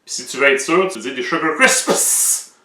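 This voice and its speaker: A man's voice: medium pitch, lively intonation, moderate pace, bright, forceful tone, roomy sound, distant mic. A man with a Québécois French accent, explaining pronunciation in a playful, joking way as the presenter of an educational show.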